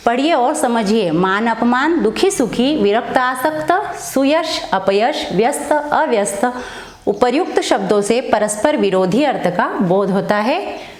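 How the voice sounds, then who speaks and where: A woman's voice: a little high, expressive, a little slow. Echoey woman teacher quizzing herself. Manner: asks questions and answers them herself. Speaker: Hindi teacher. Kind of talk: online classroom lesson.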